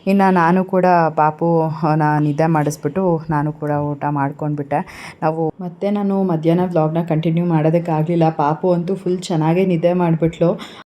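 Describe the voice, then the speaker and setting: A young woman, calmly giving advice to her viewers in a casual home vlog. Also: low voice, moderate pace. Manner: calm, gently advising. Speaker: vlogger. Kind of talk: casual vlog talk to camera.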